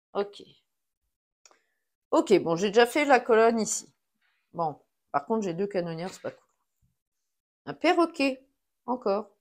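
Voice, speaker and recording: Talking herself through a board game she plays alone, a woman with a fairly low voice counts pieces and lays down cards, keeping up a casual commentary.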